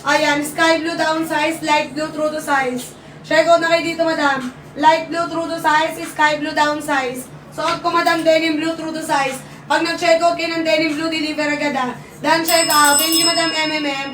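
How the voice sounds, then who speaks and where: A young Filipino woman hosting a live-selling stream, talking loud and near-shouting, urgent and repetitive as her voice gives out. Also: high-pitched, level tone, normal speed, far from the mic, slight background noise. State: losing her voice. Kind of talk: fast live-selling sales pitch. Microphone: phone. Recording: echoey room, off-mic, faint ambience.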